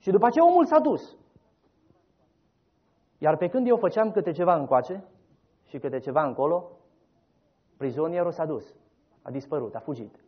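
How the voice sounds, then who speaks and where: A man preaching a sermon, telling the story dramatically, rising loud and then dropping soft. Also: fairly high pitch, animated, long pauses, husky. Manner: dramatic storytelling, voices quoted figures, rises loud then drops soft. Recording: dull lo-fi recording.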